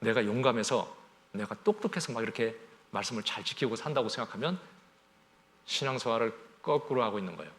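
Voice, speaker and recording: A male pastor delivers a Sunday sermon conversationally in a mid-range, fairly bright voice, talking fast and expressively. He often asks the congregation rhetorical questions and acts out everyday scenes in small voices.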